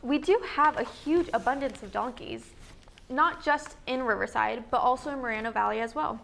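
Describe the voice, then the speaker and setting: A woman's voice: a little high, moderate pace, creaky, a bit bright. Upbeat young woman co-hosting local news. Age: young adult. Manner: upbeat, jokey read with small stumbles. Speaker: student news co-host. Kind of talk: scripted local news feature.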